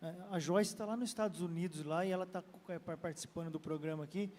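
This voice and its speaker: A man's voice: a little high, steady tone, fast, darkish tone, in a large hall. A man with a Brazilian Portuguese accent, hosting a church program, relaying viewer questions hesitantly with many fillers. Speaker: program host.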